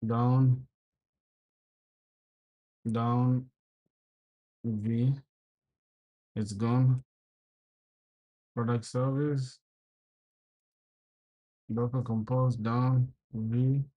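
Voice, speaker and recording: With a mellow, medium-pitched voice, this young South Sudanese programming livestreamer codes live and chats casually. He swears, vents his frustration and calls everyone bro.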